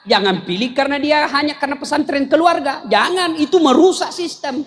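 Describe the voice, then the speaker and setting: A man preaching a humorous sermon, telling stories in an animated, joking way. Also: extremely high pitch, brisk. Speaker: Islamic preacher.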